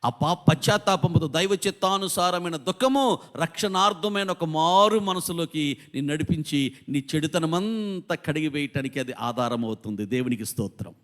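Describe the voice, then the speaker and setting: A male pastor in his fifties preaching with high, ringing intensity. He piles up phrase after phrase and lifts his voice as the sermon builds in a church. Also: animated, moderate pace, fairly bright tone. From India. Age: 50s. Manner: impassioned preaching with repeated lists of words.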